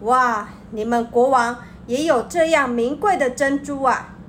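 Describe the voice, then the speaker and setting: A woman's voice: high-pitched, a little slow, a little hiss or hum. A woman playing a greedy, eager old king in a children's story. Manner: eager, impressed.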